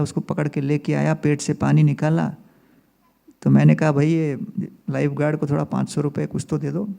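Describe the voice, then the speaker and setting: A man's voice: fairly high pitch, creaky, warm tone. A man giving a religious storytelling lecture as a spiritual teacher, telling humorous anecdotes and mixing in English phrases.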